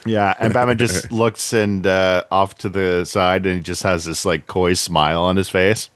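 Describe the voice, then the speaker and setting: A man hosting a podcast who jokes along and recaps an episode's plot in a relaxed, casual way. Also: low-pitched, normal speed, dry recording, clean studio sound. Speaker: podcast host. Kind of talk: casual chat.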